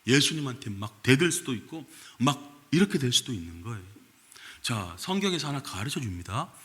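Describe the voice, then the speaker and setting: A man preaching a sermon as pastor, lively and quick to question his congregation, recorded in a church sanctuary. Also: mid-range voice. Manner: animated, keeps asking the congregation questions. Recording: long reverb of a church hall.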